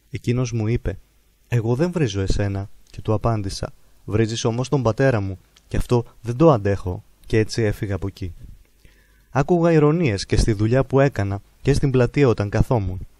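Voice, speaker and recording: A man calmly narrating a biography in a slow, measured, reverent reading. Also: mid-range voice, dry recording. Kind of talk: calm biographical narration of a holy man's life.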